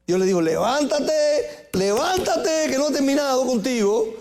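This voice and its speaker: A male pastor preaching a sermon with passion, moving from loud calls to hushed, quiet passages and often addressing listeners as brother. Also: very high-pitched, fast. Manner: impassioned preaching, swings from shouting to hushed.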